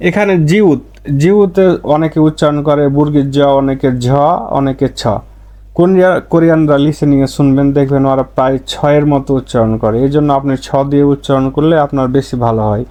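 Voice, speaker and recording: Male tutor, mellow tone, higher register, steady repetitive lesson delivery. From Bangladesh. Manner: slow, repetitive, stresses example words. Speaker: Korean language teacher. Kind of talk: explaining pronunciation rules.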